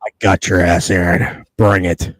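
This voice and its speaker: Deep-voiced and a little slow, a man in his early thirties chats on his podcast with no echo in the background. His storytelling and ranting are foul-mouthed and lively, full of quoted reactions he acts out.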